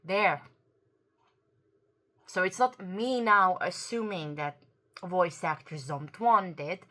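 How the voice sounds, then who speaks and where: Speaking to camera with a lowish, bright and forward voice, this woman, a native Croatian speaker and YouTube commentator, lays out her opinion slowly and deliberately. She comes across as earnest, hunting for the right words and self-correcting.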